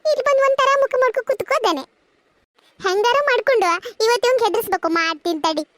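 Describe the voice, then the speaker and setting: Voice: very high-pitched, animated, fast talker, background noise. A performer voicing a chatty, teasing cartoon schoolboy who coaxes his friend with questions. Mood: coaxing. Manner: chatty, coaxing, keeps asking questions. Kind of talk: cartoon voice acting.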